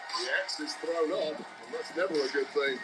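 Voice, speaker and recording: A man calling live wrestling action with excitable, colorful phrasing. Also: fairly high pitch, moderate pace, over loud music, poor audio. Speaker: wrestling commentator. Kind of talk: live play-by-play commentary. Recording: broadcast feed with loud crowd noise.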